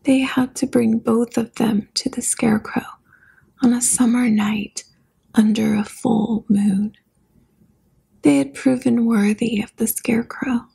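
A woman narrating a horror story soft-spoken and whispered, as whispered role-play. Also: on the high side, fairly even intonation, measured pace, creaky, husky.

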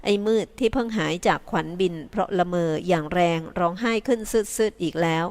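A woman's voice: on the low side, a little fast, darkish tone. Woman narrating an audiobook. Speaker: audiobook reader.

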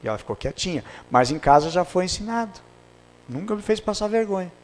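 A middle-aged male pastor, preaching a sermon and telling family stories with acted dialogue, swinging from loud to hushed. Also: high-pitched, expressive, brisk. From Brazil.

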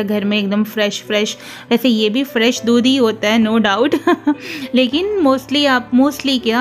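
A young woman chatting casually to her viewers from home, with fillers and small laughs. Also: a little high. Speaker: vlogger. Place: home, quiet flat in the kitchen. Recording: echoey room with faint music.

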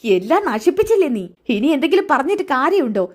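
A woman voicing a scheming, sharp-tongued middle-aged mother who scolds her daughter. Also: high-pitched, sing-song, quick pace, pitched above the performer's own voice. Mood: scolding. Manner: scolding, exclaiming.

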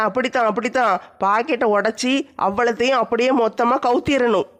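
A woman's voice: a little high, pitched below the performer's own voice, natural voice. A woman playing a sly scheming daughter-in-law. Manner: mock cooking-show chatter, scheming. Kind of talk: comedy skit.

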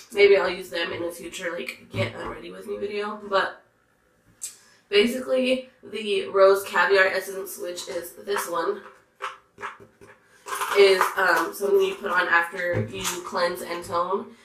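Woman, hoarse and stuffy, gushing beauty vlogger, creaky, echoey room. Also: lowish voice, sharp tone, slight background noise. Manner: gushing, chatty, full of "like". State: hoarse and congested from a cold. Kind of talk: casual makeup review chat.

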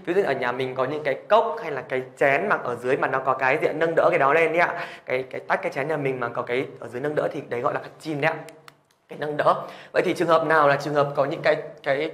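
A man's voice: on the high side, fairly bright tone, roomy sound. A man teaching a language lesson, patiently repeating questions to check that students follow. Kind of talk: classroom lesson explanation.

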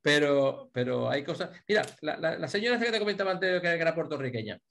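A man's voice: a little high, expressive, fast talker, gravelly, fairly bright tone. Joking middle-aged Spanish man storyteller. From Spain. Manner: jokey anecdote teller, many restarts. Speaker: hotel director, guest. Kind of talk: casual interview, storytelling.

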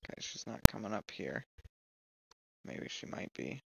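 Low gravelly man narrating a horror game. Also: big pitch swings, moderate pace, fairly bright tone. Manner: talks to himself, reads notes aloud, jumpy reactions. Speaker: gamer playing a horror game. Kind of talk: let's play commentary. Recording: dry, slightly muffled lo-fi mic.

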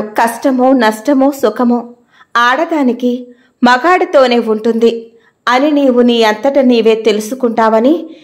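A woman voicing an older man's letter to his wife, measured and reflective, in a storybook reading. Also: a little high, close to an everyday voice. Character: late husband, older man, calm and wise.

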